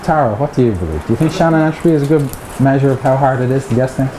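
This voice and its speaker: A middle-aged Irish man with a medium-pitched voice speaks very fast as a lecturer, giving a chatty academic seminar talk peppered with jokes for the audience. He's in a seminar room with a projector, and the recording is echoey with background noise.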